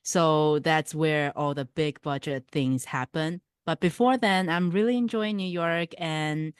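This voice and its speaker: A woman's voice: low voice, unhurried, clear, resonant tone, dry recording, clean studio sound. A woman from Taiwan, a filmmaker answering questions thoughtfully and often searching for words. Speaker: filmmaker and producer.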